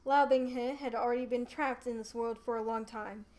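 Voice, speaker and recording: A young adult woman streamer narrating a novel live, reading aloud in an expressive, theatrical way. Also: a little high, normal speed.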